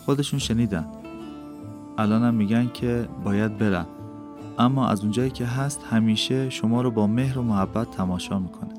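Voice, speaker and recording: A man's voice: on the low side, music in the background, natural voice. A man reading an audiobook, voicing a shy, earnest young girl who speaks politely to her teacher. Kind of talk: audiobook character voice.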